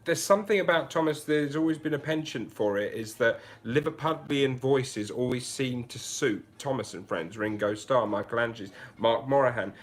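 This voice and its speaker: A man hosting a relaxed livestream, chatting through viewer comments one by one. His voice sits at an everyday middle pitch. He thinks out loud, trailing off and restarting as he goes. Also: moderate pace, few pauses. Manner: chatty, musing aloud with frequent restarts. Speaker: livestream host. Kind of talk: casual livestream chat, reading viewer comments.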